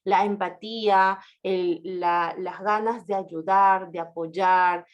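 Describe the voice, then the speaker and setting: On a dull recording, a woman lawyer talks slowly and casually, telling one anecdote after another. Her delivery is animated, full of tag questions, with her pitch changing for quoted speech.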